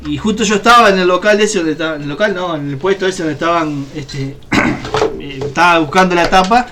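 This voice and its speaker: A man's voice: sits high, fairly quick, very noisy. A man with a Uruguayan accent, a radio co-host telling a personal story in a rambling way, full of fillers and restarts. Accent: Uruguayan Spanish. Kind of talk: casual spoken storytelling on radio.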